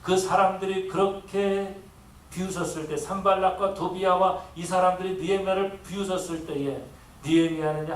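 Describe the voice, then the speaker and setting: Korean pastor guy preaching, kinda high voice, sounds far off in an echoey room. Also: slight background noise. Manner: earnest preaching, acting out quoted voices. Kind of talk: sermon. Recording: echoey room from a distance with faint ambience.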